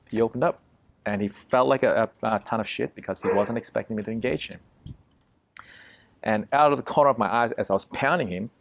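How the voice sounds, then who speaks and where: A man's voice: lowish voice, gravelly, noisy background. A man as an interview guest, telling a vivid story emphatically and swearing freely.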